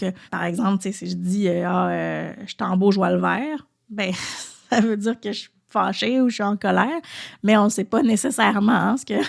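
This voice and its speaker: A woman's voice: medium pitch, vocal fry. A woman with a Québécois French accent, a podcast host and French teacher, explaining at an easy pace and thinking aloud with frequent hesitations.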